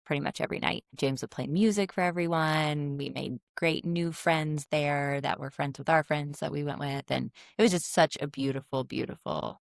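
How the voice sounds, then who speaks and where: A middle-aged woman co-hosting a podcast, chatty and animated as she recounts family travels. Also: deep voice, moderate pace, gravelly, hardly any pauses, dry recording, studio quality. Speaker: podcast co-host. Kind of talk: casual storytelling chat.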